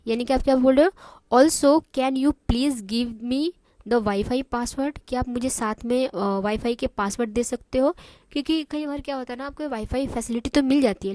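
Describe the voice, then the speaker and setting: Woman English teacher, slightly high voice, unhurried, deliberate, repeats and explains each phrase, close dry mic. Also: a little mellow, dry recording. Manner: repeats and translates each phrase, checking in with "theek hai". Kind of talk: spoken English lesson.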